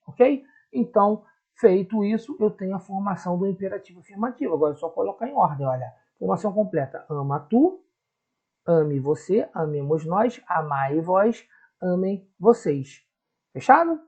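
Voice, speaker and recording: Husky Carioca teacher explaining grammar. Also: male voice, high-pitched, warm tone. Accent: Rio de Janeiro Portuguese. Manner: patient, repeats conjugations slowly, checks in with "tá?". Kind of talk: didactic video lesson. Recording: husky voice, dull lo-fi sound.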